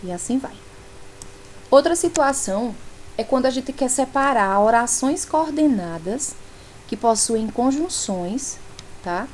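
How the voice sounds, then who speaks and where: A woman's voice: on the high side, lively intonation, a little slow, darkish tone, a little hiss or hum, poor audio. A woman from teaching a grammar lesson in a friendly way, often checking that her students follow. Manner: friendly, frequent checks like "tá certo?".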